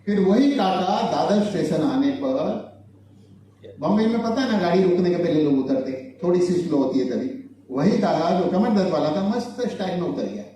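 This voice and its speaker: A man's voice: high-pitched, expressive, normal speed, mellow. A man tells humorous motivational stories at a business launch event, chuckling as he goes. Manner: chuckles through his anecdotes. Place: large event hall. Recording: echoey hall from far off, faint noise.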